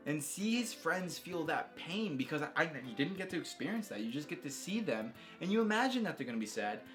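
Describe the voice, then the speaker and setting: A video game reviewer and host with a mid-range, somewhat bright voice gives casual, rambling commentary. He's enthusiastic, informal, and slangy, often repeating words and circling back.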